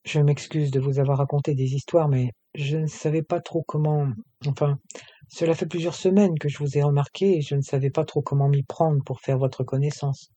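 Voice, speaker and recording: A hesitant, awkward young man in a storybook tale, read by a man in his own mellow, slightly husky voice. He stumbles and restarts as he speaks, unsure of himself. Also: on the high side, flat delivery, moderate pace, no room sound, dull audio, close to an everyday voice. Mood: sincere.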